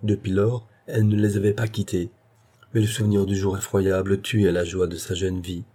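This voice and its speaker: A male narrator reads a classic novella in a steady, literary manner. His voice is low, dark and slightly husky. The reading is calm and even. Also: normal speed.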